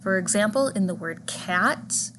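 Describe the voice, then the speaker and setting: Woman reading out a lecture, steady and clear, slows way down on example words, some noise in the background. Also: mid-range voice. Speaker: teacher educator. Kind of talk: scripted lecture narration.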